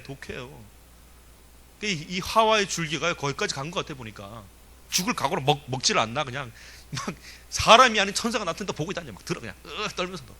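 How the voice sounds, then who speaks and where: A man preaching a sermon in a lively, emphatic way, asking the congregation questions and chuckling now and then. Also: fairly high pitch, husky. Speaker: pastor.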